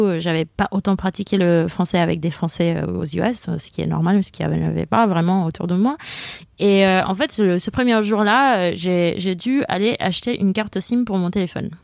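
A woman with an American accent, co-hosting a podcast in casual conversation and often pausing to search for her words. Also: mid-range voice, dry recording. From United States. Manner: hesitant, many fillers while searching for words. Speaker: podcast co-host.

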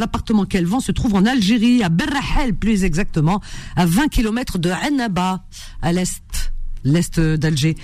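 A radio host from Algeria, this woman presents a classified-ads show in a warm, chatty manner packed with fillers and repetitions. Her voice is medium in pitch, with no echo.

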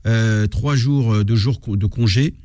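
A man's voice: fairly low pitch, a little slow, darkish tone, no echo. A man, an imam explaining religion in a live radio discussion, hesitant and searching for words. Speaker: imam, regular radio guest.

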